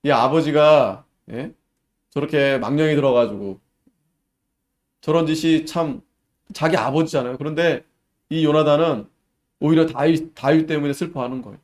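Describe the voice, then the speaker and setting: A man's voice: fairly high pitch, normal speed, pauses often, darkish tone. A pastor preaching a Sunday sermon. He reads Bible verses in formal, old-fashioned wording, then explains them in casual, conversational speech. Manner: expounds scripture conversationally, often paraphrasing it in casual speech.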